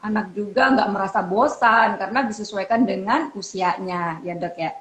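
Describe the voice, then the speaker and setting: A woman's voice: medium pitch, normal speed, a bit bright. A woman hosting an online talk show, asking questions and tagging her sentences to seek agreement. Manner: seeks agreement with repeated "ya, Dok, ya?" tags. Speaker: host. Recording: roomy with faint background noise.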